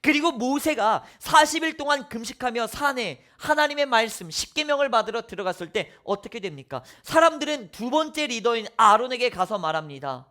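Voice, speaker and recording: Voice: medium pitch, lively intonation, fairly quick, few pauses, sharp tone. A preacher giving a sermon, telling the story with rhetorical questions and sudden drops to a whisper.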